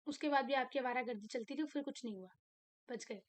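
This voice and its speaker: A young woman teaching a chemistry lecture, animated and asking her own questions before answering them. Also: high voice, fast. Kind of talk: classroom lecture.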